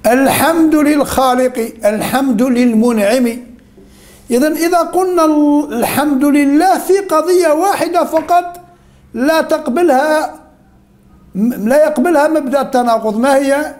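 A male teacher whose voice is very high-pitched and darkish quizzes students in quick succession. He either commends or corrects what they say, then repeats the key points at a slow pace.

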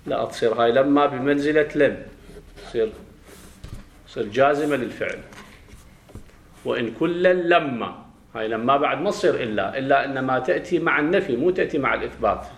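A man with an Iraqi Arabic accent teaching a grammar class, explaining step by step, questioning his students and slowly chanting verses. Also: medium pitch. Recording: roomy classroom echo.

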